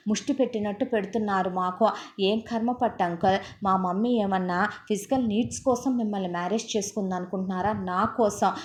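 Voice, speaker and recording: A woman's voice: medium pitch, darkish tone, slight background noise, natural voice. A woman voicing a teenage schoolboy who angrily lectures his stepfather, in a storytelling narration. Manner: indignant, lecturing, rapid reproach.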